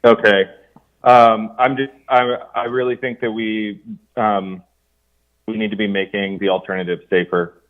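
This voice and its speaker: A man's voice: fairly low pitch, flat delivery, unhurried. Man, councilmember, hesitant with fillers, uneven volume, audio dropping in and out, tinny phone-like video call. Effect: uneven volume, audio cutting in and out. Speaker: city councilmember. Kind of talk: remarks at a public meeting. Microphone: remote video call.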